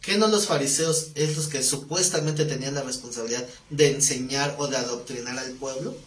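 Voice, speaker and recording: A man, a pastor teaching a live Bible class, telling stories in a lively way and asking the class questions. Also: mid-range voice, a little fast. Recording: echoey room, faint background noise.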